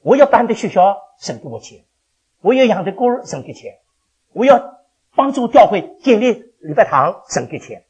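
An older man preaching a sermon to his congregation as their pastor, animated and chuckling as he fires questions at the listeners. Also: high voice, moderate pace, breathy edge, dull audio. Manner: animated, quizzes the congregation with questions, laughs often. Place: church.

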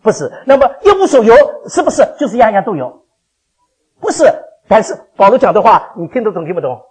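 An older man preaching a sermon to his congregation as their pastor, animated and chuckling as he fires questions at the listeners. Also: sits high, brisk, husky. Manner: animated, quizzes the congregation with questions, laughs often. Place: church.

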